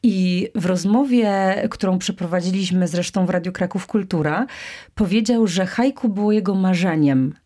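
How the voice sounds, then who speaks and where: A woman's voice: fairly low pitch, normal speed, dark tone. A woman hosting a cultural radio interview, speaking thoughtfully and searching for her words. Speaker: radio host.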